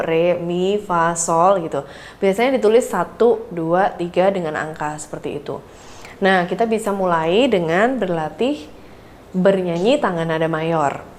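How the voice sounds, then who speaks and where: A female vocal coach runs an online singing lesson, speaking warmly to learners with many "eh" fillers and singing scales and warm-up syllables between explanations. Her voice is on the low side, with slight background noise.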